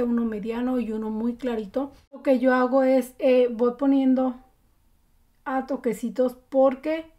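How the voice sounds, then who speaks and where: A woman talks her viewers through a makeup tutorial in a relaxed, chatty way. Her voice sits a little high and has a warm, mellow tone, with frequent fillers between steps. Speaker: beauty vlogger.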